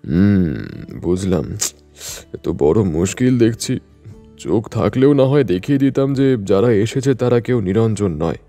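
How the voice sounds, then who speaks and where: A man voicing an irritated, blunt village man in a story reading, gruff and scornful. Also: lowish voice, lively intonation, a little slow, mellow, soft background music. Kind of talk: storybook narration.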